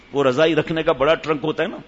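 A man tells a comic story to a live audience, joking and throwing rhetorical questions at them. His voice sits fairly high for a man. It echoes through a large hall, and the recording is slightly dull and muffled. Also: gravelly.

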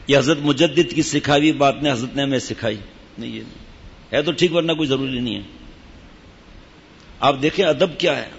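A man's voice: medium pitch, gravelly, pauses often, slight background noise. Man giving an informal religious talk in an echoey hall. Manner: conversational, breaks off to give asides to listeners. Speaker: sheikh teaching disciples. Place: gathering in a Sufi lodge. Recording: dull, echoey hall recording.

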